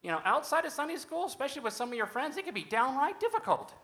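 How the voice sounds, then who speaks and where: A cheerful robot Sunday school teacher, played by a woman in her own natural voice. She chats in a folksy, sing-song way, with a slight gravel in the voice and a lively, rising and falling pitch. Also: fast talker, heavily acted. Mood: chatty. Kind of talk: live church comedy skit.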